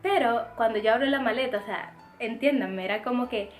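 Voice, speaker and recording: A young woman with a slightly raised voice tells a chatty, expressive story with plenty of fillers. Her is clear, the room sounds echoey, and soft music plays underneath. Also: on the high side, fairly quick. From Dominican Republic. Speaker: vlogger. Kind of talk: casual storytime.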